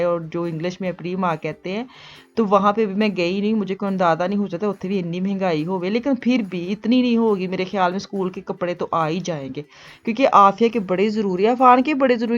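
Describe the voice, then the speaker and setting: A woman's voice: mid-range voice, highs cut off. A woman in her thirties with a Punjabi accent, chatting casually in a shopping vlog and slipping between Hindi-Urdu and Punjabi. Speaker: vlogger.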